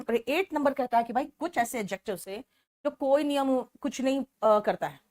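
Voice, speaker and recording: A woman teacher with a Hindi accent leads an online English class in a slightly high voice. She breaks each grammar rule into small steps and calls on her students by name as she goes. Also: unhurried, a little mellow.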